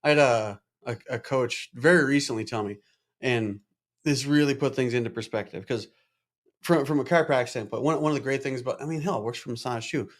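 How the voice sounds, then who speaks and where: A man hosting a podcast as a chiropractor, talking casually, swearing freely and repeating words as he goes. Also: mid-range voice. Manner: fast, loose talker who swears casually and repeats words. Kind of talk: casual conversational interview.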